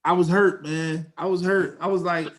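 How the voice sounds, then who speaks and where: Animated Philly man telling a story. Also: high-pitched, moderate pace. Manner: animated storyteller, slangy, acts out quotes in a raised voice. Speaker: podcast co-host. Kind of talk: casual storytelling chat.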